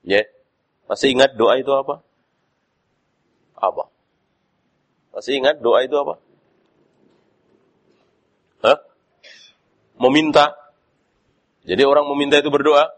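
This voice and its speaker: A man giving a sermon as a preacher, lively in delivery with frequent "ya" and rising stresses. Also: mid-range voice, measured pace, pauses often. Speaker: Islamic preacher.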